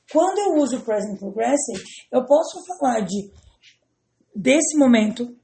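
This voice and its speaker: Brazilian woman teacher, patient and methodical, a fairly high voice with a gravelly edge. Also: dark tone. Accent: Brazilian Portuguese. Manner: patient, step-by-step explaining with checking tags. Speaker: English teacher. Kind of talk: explaining grammar to students.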